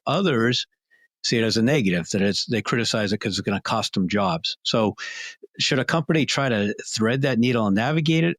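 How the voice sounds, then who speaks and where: Male host, low voice, quick questions, dry close recording. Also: a bit bright, no echo. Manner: brisk, conversational, frequent "right" acknowledgments. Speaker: podcast host. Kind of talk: interview questions.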